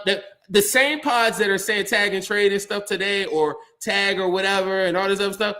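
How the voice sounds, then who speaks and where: A man hosting a casual sports talk show, talking in an animated, rambling way and often repeating words. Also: high voice. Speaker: sports podcast host.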